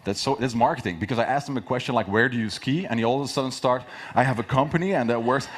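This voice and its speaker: A man's voice: medium pitch, fast, a little hiss or hum. A man giving a live public speaking workshop as a coach, with a projected, emphatic delivery and key phrases repeated for effect. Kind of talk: live workshop presentation with demonstrations.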